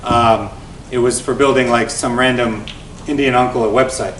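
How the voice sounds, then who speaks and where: A man in his forties speaks energetically to an event audience, checking in with "right?" as he goes. He sits back from the mic in a reverberant room, and a faint low rumble runs underneath. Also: normal speed, distant mic. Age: 40s. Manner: energetic and conversational, tags points with "right?". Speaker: venture investor and guest speaker. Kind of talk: telling his founder story to an event audience. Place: event venue before an audience.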